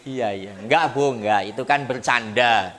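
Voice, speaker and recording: A man's voice: medium pitch, normal speed, crowd noise. A male preacher giving a humorous sermon to a women's gathering, chatty and joking as he speaks directly to his listeners.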